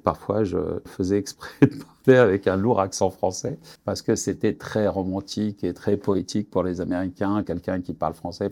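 Older male painter, interview guest, dark low voice, hesitant and unhurried. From born in Algeria, grew up in France. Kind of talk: radio interview.

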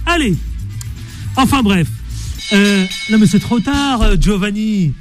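A man's voice: high-pitched, expressive, measured pace, music in the background. A man hosting a radio show, chatty and teasing, with playful asides. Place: radio studio.

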